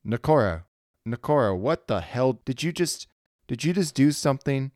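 A man's voice: on the low side, normal speed, a little mellow, clear, resonant tone, no room sound, studio quality, natural voice. A man voicing a determined female spaceship crewmate who talks in an urgent, pressing way.

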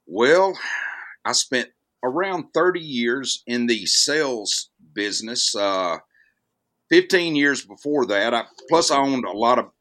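An older man from Alabama with a Southern American accent, chatting as a podcast guest in an unhurried, folksy old Southern gentleman manner. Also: medium pitch, expressive. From Alabama, United States. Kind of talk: casual interview chat.

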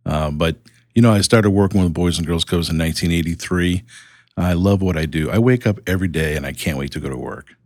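A man's voice: low voice, fairly quick, dry recording, clean studio sound. A man in his sixties with a Boston accent, a guest speaking in a plainspoken, upbeat way in a casual interview. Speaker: guest, nonprofit CEO.

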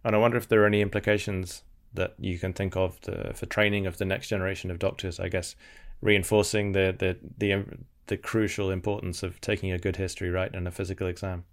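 A man's voice: low voice, little pitch movement, fairly quick. A man hosting a podcast interview, asking thoughtful questions. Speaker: podcast host.

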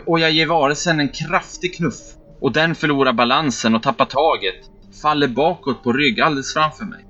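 Man, first-person scripted narration, steady measured delivery, dull recording, faint music behind. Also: medium pitch.

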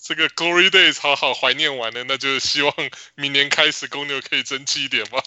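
A man co-hosting a casual podcast chat, making brief relaxed remarks. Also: medium pitch, brisk, smooth, no room sound. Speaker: podcast co-host.

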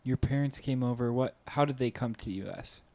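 A man hosting a podcast, friendly and upbeat, moving from a scripted introduction to loose, halting interview questions. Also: mid-range voice, vocal fry, a little mellow. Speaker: podcast host.

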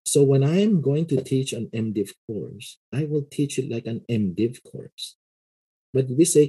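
A middle-aged man, a pastor and seminary lecturer, explaining his views in a casual interview in a measured way, often adding "you know". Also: lowish voice, warm tone, breathy edge, poor audio.

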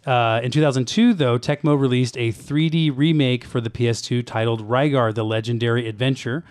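A man hosting a relaxed, joking podcast chat and reading out a list of facts. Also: medium pitch, brisk, no room sound. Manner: relaxed, joking, reads out segment lists. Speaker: podcast host. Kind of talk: casual chat.

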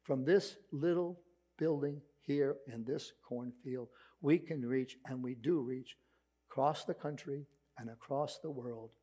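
A man's voice: mid-range voice, unhurried, mellow, slightly rough. A man with a Brooklyn accent preaching a sermon as a pastor, emphatic yet conversational, posing rhetorical questions. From Brooklyn, New York.

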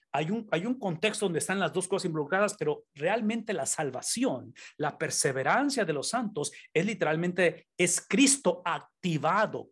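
A man's voice: on the high side, slightly rough. A man preaching a sermon, emphatic, repeating key phrases and shifting pace often.

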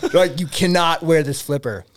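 A man's voice: mid-range voice, fairly quick, a loud crowd. A man telling anecdotes in a casual, slangy way, acting out bits of dialogue as he goes. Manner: laughs often, acts out dialogue, slangy. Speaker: podcast guest, trail builder. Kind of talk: animated anecdote, casual chat.

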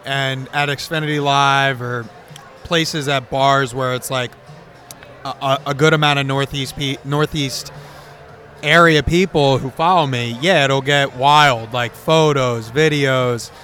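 Young man, easygoing chatty creator, mid-pitched voice. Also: steady tone, slow pace, sharp tone, a little hiss or hum. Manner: laid-back, rambling, says bro and man. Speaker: comedy content creator. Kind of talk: casual chat.

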